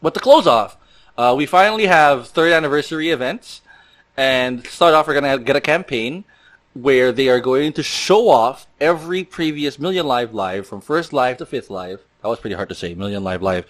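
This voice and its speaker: A man hosting a relaxed podcast, with a middling voice that is neither high nor low. He rambles loosely through his points, piling up fillers and restarting his sentences. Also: normal speed. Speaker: podcast host. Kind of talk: casual podcast chat.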